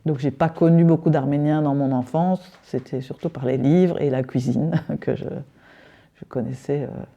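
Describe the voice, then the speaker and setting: A woman's voice: low voice, fairly even intonation, normal speed, dark tone, highs cut off. A middle-aged woman from Belgium, answering interview questions hesitantly, with many fillers and restarts. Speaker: decorative painter, interview guest.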